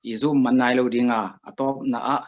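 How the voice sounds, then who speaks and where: A man's voice: medium pitch, fairly even intonation, fast. A man hosting a live stream over a video call, talking loosely with frequent "ah" fillers. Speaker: host.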